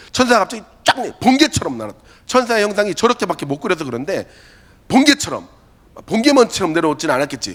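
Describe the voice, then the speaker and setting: Man, pastor, youth sermon, animated storytelling, wide swings in pitch, slightly high voice. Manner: animated storytelling, acts out quotes. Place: church worship hall.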